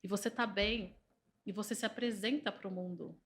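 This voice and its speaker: A woman's voice: medium pitch, moderate pace, breathy edge. Persuasive Brazilian woman telling stories. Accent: Brazilian Portuguese. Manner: animated, persuasive, tells anecdotes. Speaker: entrepreneur and organizational systemic therapist. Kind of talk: podcast conversation.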